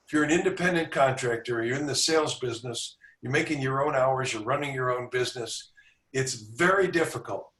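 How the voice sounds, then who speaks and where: A man's voice: medium pitch, a little fast, a bit bright. A man, a sales coach guest, giving confident, instructive advice on a video call from a room. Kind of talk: podcast interview. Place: indoor room with a back wall. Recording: roomy sound, distant from mic.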